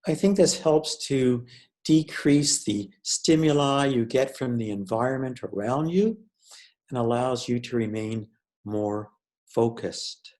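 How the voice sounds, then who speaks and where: Leading a guided meditation, a male teacher speaks in a medium-pitched, slightly mellow voice. He keeps a measured, deliberate pace and pauses between phrases.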